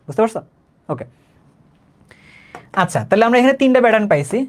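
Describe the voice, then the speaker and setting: A man's voice: high-pitched, sing-song, fast talker. A man, teaching chemistry in an online lecture in a conversational way, repeating phrases and often checking whether students understand.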